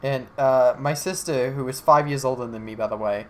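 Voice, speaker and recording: A young man from Alabama co-hosts a laid-back podcast, his mid-range voice moving briskly as he jokes, rambles, and swears freely.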